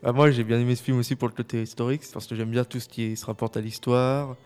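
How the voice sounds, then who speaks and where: A man's voice: medium pitch, flat delivery, fast, darkish tone, clear, resonant tone. A man reviewing a film, moving between prepared summary and casual discussion.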